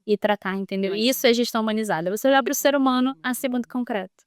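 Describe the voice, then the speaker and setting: A woman with a smooth, clear and fairly high voice tells a story as a guest on an interview podcast. Her telling is animated and lively. The sound is dry and close to the mic. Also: fast talker, no echo. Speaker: building manager guest.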